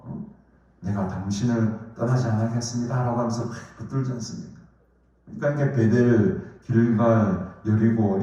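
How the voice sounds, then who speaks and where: Pastor preaching in an echoey hall. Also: male voice, lowish voice, dark tone. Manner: asks the congregation questions, with many fillers. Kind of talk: sermon. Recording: echoey hall, far from the mic, dull.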